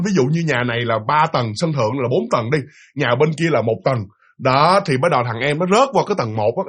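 A young man tells a ghost story in a husky, slightly high voice. He talks fast, with lively, swooping delivery, and keeps turning to his listeners as he repeats himself. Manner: lively, repetitive, addresses listeners directly. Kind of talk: casual spoken ghost story.

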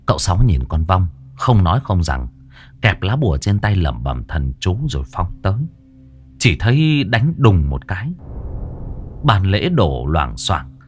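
A man tells a ghost story in a dramatic, expressive style. His voice sits very low yet rises and falls with lively swings. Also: a little slow, breathy edge, faint music behind.

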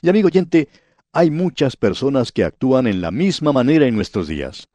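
A man's voice: medium pitch, very animated, normal speed, dark tone, no echo. A man teaching a Bible study, reading verses aloud and explaining them directly to the listener. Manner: addresses the listener directly, reads scripture then explains.

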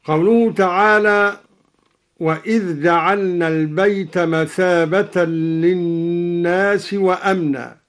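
Slow, high-voiced Quran scholar chanting. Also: male voice. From Egypt. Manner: measured, formal; intones verses in melodic Quranic chant. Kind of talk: explaining recitation readings with recited examples. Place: radio studio.

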